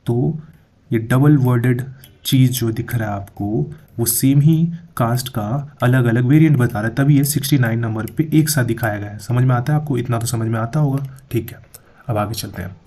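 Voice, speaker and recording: A man's voice: mid-range voice, moderate pace, warm tone. A young man, explaining on screen in an emphatic way and tagging his points with "okay". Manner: emphatic, repeats "thik hai" as he goes. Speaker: YouTube explainer. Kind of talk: screen-share explainer video.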